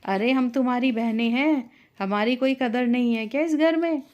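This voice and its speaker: A woman's voice: fairly high pitch, moderate pace, a little mellow, highs cut off, natural voice. A woman voicing a spoiled young sister-in-law who talks back dismissively. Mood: sassy. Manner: dismissive, sassy.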